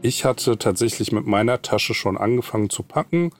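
A man in his forties calmly recounting a personal experience in an interview, matter-of-fact with occasional fillers. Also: lowish voice, moderate pace, no room sound, soft background music. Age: 40s. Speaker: interviewee, flood survivor.

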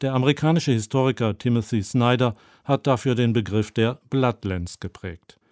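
A man reading a scripted radio book review in a sober, measured way. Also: medium pitch, a little mellow, no room sound, studio quality. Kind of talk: scripted narration.

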